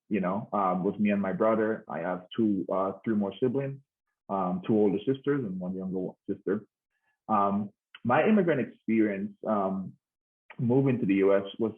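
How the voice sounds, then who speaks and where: Guy in his 30s presenting, lowish voice, stops and restarts a lot. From Jamaica. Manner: hesitant, many restarts and fillers. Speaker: conference speaker. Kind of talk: informal presentation. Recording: tinny phone-like line.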